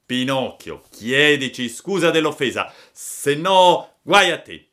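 A man's voice: medium pitch, lively intonation, measured pace, pushed and bright, voice pushed up. A man voicing a gang of bullying schoolboys in a storybook reading, taunting and threatening.

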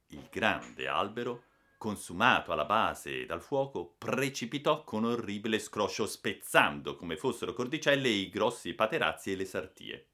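Expressive low-voiced male storyteller. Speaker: narrator. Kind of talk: dramatic audiobook narration.

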